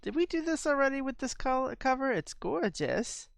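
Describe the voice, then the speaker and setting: A woman's voice: high-pitched, sing-song, normal speed, vocal fry, dry recording, clean studio sound. A woman hosting a let's play, giving casual, rambling gameplay commentary. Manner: rambling, chatty. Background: game music.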